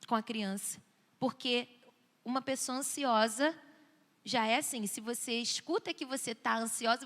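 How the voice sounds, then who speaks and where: A woman in her thirties with a Brazilian Portuguese accent gives an earnest, conversational talk in a church and keeps checking in with her listeners. Her voice sits high and rings bright. A long reverberant tail from the hall follows her words. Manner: earnest, conversational, often asks "né?". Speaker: church speaker on child anxiety.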